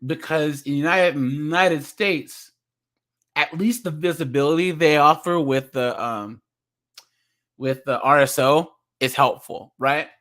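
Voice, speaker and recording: A man's voice: fairly high pitch, measured pace, fairly bright tone. A young man giving casual reaction commentary as a streamer, chatty, laughing often and restarting his words as he reads.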